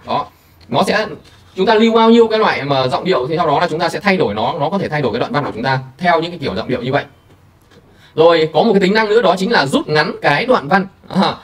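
A man hosting a screen-recorded software tutorial, talking casually to viewers with many fillers. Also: on the high side, distant mic. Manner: chatty, filler-heavy, addresses viewers directly. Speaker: tutorial host.

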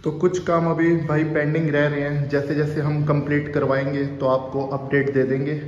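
A young gym owner and fitness vlogger walks viewers through his large indoor gym, chatting to them as "brother" while holding a phone at arm's length. His fairly high, darkish voice is flat at normal speed, and the dull audio echoes in the hall with faint ambient noise.

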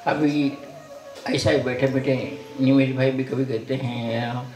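A man's voice: medium pitch, level tone, unhurried, music in the background. Older man, spiritual guru, informal sermon, folksy and rambling, distant from mic, roomy reverb. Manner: folksy, rambling, mixes in anecdotes. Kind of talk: informal sermon to a retreat audience. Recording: echoey hall, voice from off mic.

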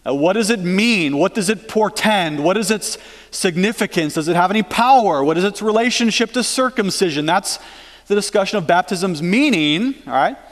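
A man's voice: high voice, lively intonation, normal speed, fairly bright tone. A middle-aged man preaching a sermon as pastor, conversational and emphatic, often asking the congregation questions. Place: church sanctuary. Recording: long church reverb.

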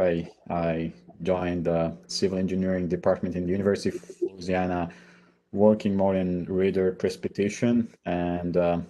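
A man from Egypt, a PhD candidate, introducing himself on a video call in a measured way, sometimes repeating words. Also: low-pitched, mellow. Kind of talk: online panel self-introduction.

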